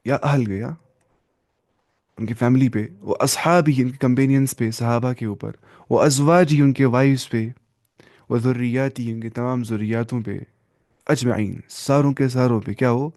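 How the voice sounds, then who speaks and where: A man's voice: medium pitch, steady tone, darkish tone, no room sound. A man teaches Quran recitation rules in an online lesson. He often poses a question to his students and answers it himself, slipping in English terms. His mid-range voice is recorded close and dry, with no room sound.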